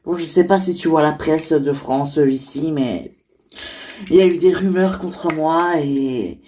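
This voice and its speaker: A woman's voice: deep voice, unhurried, warm tone, slight background noise. A woman voicing a heartbroken but upbeat young female singer in an amateur toy-figure drama, talking hesitantly with many fillers.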